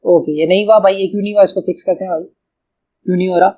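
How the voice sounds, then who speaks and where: Racing through a screen-recorded coding tutorial, a Pakistani man speaks in a high, mellow voice with fairly even intonation, captured in muffled audio. His Urdu accent is clear, and he casually thinks aloud, calling the viewer "bhai" over and over.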